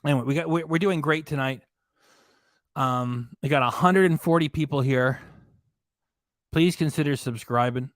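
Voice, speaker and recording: Reading the chat on his live reaction stream, a man with a fairly high voice rants in indignation and keeps repeating himself, even as he loses his voice. He moves at a moderate pace with long pauses. The sound is dry and clean, as if from a studio, captured by a desk mic hidden behind a graphic.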